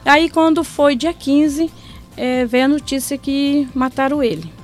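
A middle-aged woman telling a personal story in an interview, heartfelt, sometimes dropping soft and low and then lifting bright. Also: a little slow. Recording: faint music underneath.

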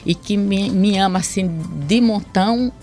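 A woman from Sergipe recalling her teenage years in an interview, plain and thoughtful, slowing on key words. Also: mid-range voice, fairly even intonation, mellow. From Sergipe, Brazil. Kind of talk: reminiscing interview answers. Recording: faint music underneath.

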